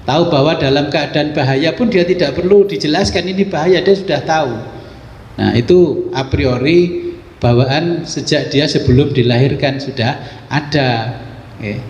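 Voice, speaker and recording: A man's voice: on the high side, normal speed, a little mellow, dull audio, slight background noise. A man teaching a religious kitab study, explaining in a casual, folksy way with rhetorical questions. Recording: echoey hall with faint ambience.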